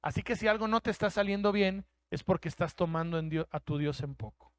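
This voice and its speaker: High, crisp-voiced Mexican pastor preaching. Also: male voice, fairly quick, dry recording. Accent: Mexican Spanish. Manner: emphatic preaching, plays out quoted voices. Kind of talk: sermon.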